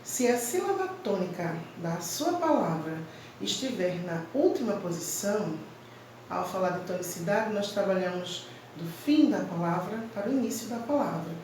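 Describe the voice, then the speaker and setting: A woman's voice: mid-range voice, lively intonation, darkish tone, far from the mic, a little hiss or hum. Teacher woman in a very echoey room. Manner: slow, clear, emphatic teacherly delivery, stressing syllables. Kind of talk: online Portuguese grammar lesson for children.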